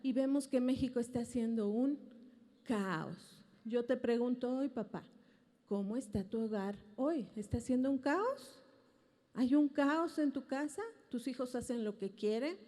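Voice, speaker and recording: A woman's voice: on the high side, unhurried, warm tone. A Mexican woman pastor preaching to a congregation about parenting, earnest and emphatic, often asking the audience rhetorical questions. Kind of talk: family teaching sermon to a congregation. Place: large auditorium. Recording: long auditorium reverb.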